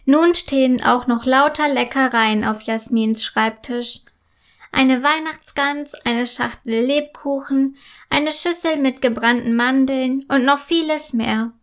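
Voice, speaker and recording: A woman narrating a children's story in a calm, clear and gently expressive way. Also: high-pitched.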